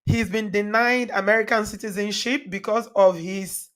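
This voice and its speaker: A woman's voice: medium pitch, steady tone, normal speed, a bit bright. A woman with a Nigerian accent and a slightly froggy, cold-worn voice, chatting casually to viewers as host of a livestream show. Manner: chatty, repeats greetings and thanks. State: recovering from a cold.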